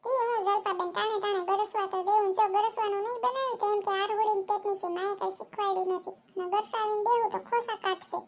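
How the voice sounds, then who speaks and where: Voicing a cartoon's boastful, gossipy village housewife and moneylender, this woman uses a Kathiawadi Gujarati accent and a chatty, quick-tongued manner. Her voice is very high-pitched with fairly even intonation, and there is heavy background noise.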